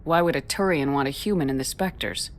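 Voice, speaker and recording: Woman as brisk Commander Shepard, low-voiced. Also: slight background noise, lightly acted. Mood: cool, direct. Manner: direct, terse, cool. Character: confident, direct female military commander. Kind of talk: video game voice acting.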